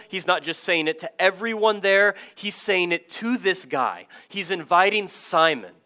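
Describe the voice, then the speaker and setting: A man in his thirties preaching a sermon as pastor, energetic and conversational, with asides and self-deprecating stories. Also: sits high.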